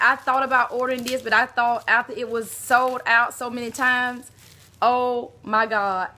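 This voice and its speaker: A woman's voice: a little high, sharp tone. A woman from Alabama, gushing as she unboxes a mail swap package and talks to her viewers. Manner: gushing, exclaims often, talks to viewers as y'all. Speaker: beauty vlogger.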